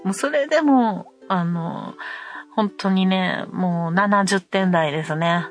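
A middle-aged woman with a Kansai accent, hosting a podcast and telling a story in a casual, animated way. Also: mid-range voice, slow, soft background music. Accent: Kansai Japanese. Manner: animated storytelling, acting out quarrels. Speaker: podcast host.

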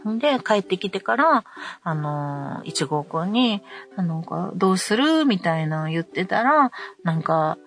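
A middle-aged woman with a Kansai accent, hosting a podcast and telling a story in a casual, animated way. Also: on the low side, a little slow, soft background music. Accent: Kansai Japanese. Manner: animated storytelling, acting out quarrels. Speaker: podcast host.

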